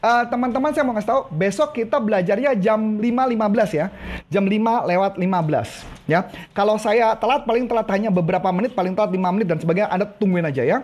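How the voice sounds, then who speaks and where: A man's voice: high voice, quick pace, a little mellow. A man coaching a live-streamed training session, chatty and teasing, who repeats each instruction several times. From Indonesia.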